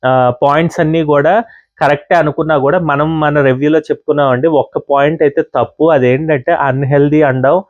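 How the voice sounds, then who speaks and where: A man's voice: on the high side, steady tone, a little fast, dry recording, dull audio. A man reviewing a reality show episode in a casual, chatty monologue, dropping English words in among his talk. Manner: chatty, mixes in English words, many fillers.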